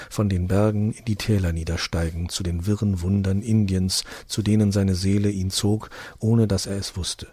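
A man reads a fairy tale aloud in a calm, measured way. His voice is low, dark and a bit husky. The close recording has a dry sound. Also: no echo. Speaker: reader.

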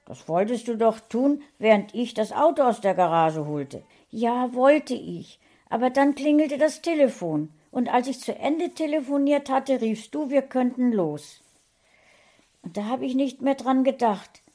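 A woman's voice: a little high, animated, a little slow, mellow, pitched above the performer's own voice. A woman voicing an upset middle-aged housewife who keeps scolding her cat, in a storybook reading. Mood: chatty. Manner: scolding, exclaiming.

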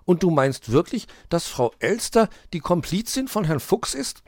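A man's voice: sits high, sing-song, moderate pace, no room sound, clean studio sound, voice pushed up, heavily acted. A man voicing a curious male cat in a storybook who sprinkles meows into his speech. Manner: meows between words, musing. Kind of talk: storybook read-aloud.

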